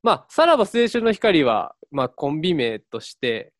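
A man's voice: a little high, big pitch swings, moderate pace, dry recording, clean studio sound. A man with a Kansai accent co-hosting a casual radio chat, with the teasing retorts of a comic straight man. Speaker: radio show co-host.

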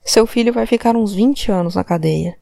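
A woman's voice: mid-range voice, normal speed, vocal fry, mellow, no echo, studio quality, close to an everyday voice. A woman voicing a male police commissioner who presses hard with insistent, repeated commands. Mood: pressing.

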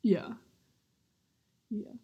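A young woman co-hosting a casual chat podcast, talking with vocal fry and filling her sentences with "like.". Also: drawn-out words, dark tone, highs cut off. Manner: vocal fry, heavy use of "like". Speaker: podcast co-host.

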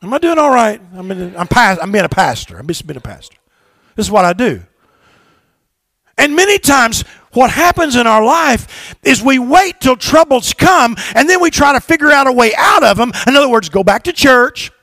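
A man preaching a sermon as pastor in a church, swinging from shouted exhortations to low, quiet asides and leading call-and-response with his congregation. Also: sing-song, moderate pace, no echo, clean studio sound. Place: church sanctuary.

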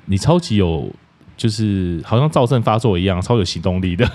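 A podcast host plays a teacher, casually addressing his listeners as if they were his students. His low voice is expressive, a little mellow, and fairly quick. The talk is a casual interview chat with scripted sponsor reads.

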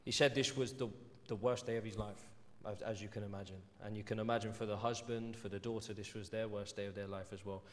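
A man with an English accent preaching a sermon earnestly, climbing to emphatic peaks and then dropping to a soft, low voice. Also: fairly even intonation, fast talker. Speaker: pastor. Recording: church hall reverb.

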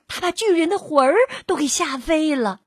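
A woman narrating a children's storybook in an expressive, drawn-out manner. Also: high-pitched, dry recording, studio quality.

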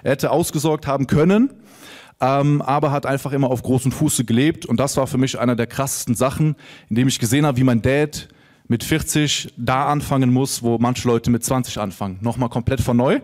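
A young man talks to a seminar audience on a microphone, loose and conversational, leaning on plenty of ums and uhs. His pitch sits in an ordinary middle register for a man, and he tells stories as though chatting with friends in the room. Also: a little fast, darkish tone. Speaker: seminar speaker. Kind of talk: live seminar talk to an audience.

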